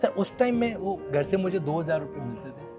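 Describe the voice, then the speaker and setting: A man in his thirties from Rajasthan recounts his early years, slightly high in pitch and polite, addressing the listener as sir again and again. Soft music plays faintly behind him. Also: expressive, a little fast, lo-fi sound. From Rajasthan, India. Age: 30s. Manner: respectful, frequently addresses the other as sir. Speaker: law educator. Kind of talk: casual conversation.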